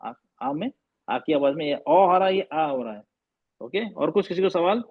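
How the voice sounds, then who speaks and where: A man's voice: on the high side, animated, normal speed, creaky, no room sound, narrow, tinny audio. A man teaching Arabic letter sounds in an online class, patiently repeating and drilling sounds, slipping English phrases into his talk. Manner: mixes English phrases into Hindi. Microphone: video call microphone.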